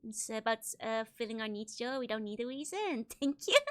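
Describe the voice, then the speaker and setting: A woman livestreamer chatting casually with viewers in a bubbly, giggly, gushing way, with a high-pitched bright voice. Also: lively intonation, moderate pace. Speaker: streamer, virtual YouTuber host.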